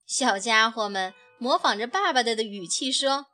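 Bright, slow woman reading a picture book. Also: fairly high pitch. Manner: gentle, expressive narration. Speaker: storyteller. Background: soft background music.

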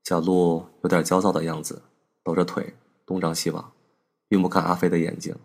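A man narrating a personal story as a podcast host, in a calm, measured and wistful manner. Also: low-pitched, creaky, slightly rough.

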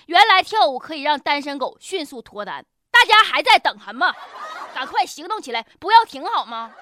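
A woman's voice: sits high, sing-song, a little fast, bright, forceful tone, slight background noise. A woman with a Northeastern Chinese accent hosting a comedic news commentary show in a colloquial, joking, exaggerated way. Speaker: radio show host.

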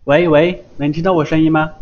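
A man's voice: fairly high pitch, little pitch movement, brisk, darkish tone, muffled recording. A man teaching Japanese pronunciation in an online class, patiently repeating syllables many times over a computer mic.

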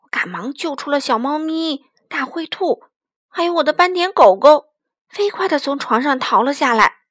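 A woman reading a children's picture book aloud in a gentle, expressive way. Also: high-pitched, normal speed, no room sound, clean studio sound. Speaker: storyteller.

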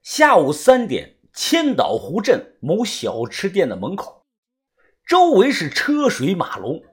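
A man narrating a first-person audiobook story in a lively, swinging storyteller manner. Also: high voice, slow, slightly rough.

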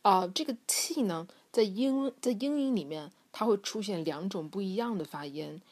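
A woman giving a bilingual pronunciation lesson and stretching each example word out slowly as she demonstrates it. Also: medium pitch, expressive, darkish tone. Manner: slow, drawn-out demonstration of example words; explanatory, with frequent filler sounds. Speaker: English pronunciation teacher.

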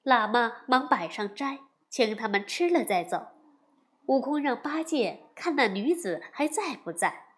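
A woman telling a classic story to young listeners in an expressive narration. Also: fairly high pitch. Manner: slow, expressive, lively storytelling.

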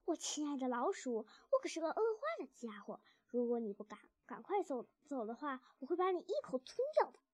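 A woman voicing a sly, confident father fox who talks in a smooth, teasing way in a storybook reading. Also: sits high, big pitch swings, brisk, few pauses, a little mellow. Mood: mocking.

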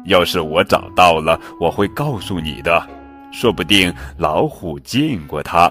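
Brief: worried lion parent, loud exclamations, storybook, voiced by a man. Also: low-pitched, lively intonation, measured pace, faint music behind.

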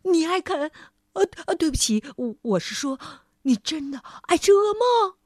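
A woman's voice: very high-pitched, big pitch swings, moderate pace, a little mellow, no room sound, clean studio sound, pitched above the performer's own voice. Woman doing a stammering timid king. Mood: nervous. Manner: stammering, nervous. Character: fat, timid old king who stammers.

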